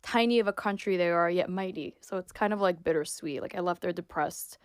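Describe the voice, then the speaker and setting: A woman's voice: lowish voice, a little fast, smooth, no echo. Emphatic young woman, dry close sound. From New York. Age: 20s. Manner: emphatic, opinionated, frequent "like" fillers. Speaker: guest, sports reporter and influencer. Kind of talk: casual interview talk.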